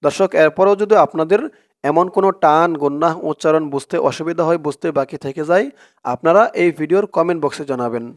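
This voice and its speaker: Smooth-voiced Bengali Quran teacher spelling syllables. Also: male voice, fairly high pitch. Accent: Bangladeshi Bengali. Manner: spells out letters and vowel marks, then chants the verse slowly and drawn out. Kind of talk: slow syllable-by-syllable tajweed lesson with chanted recitation.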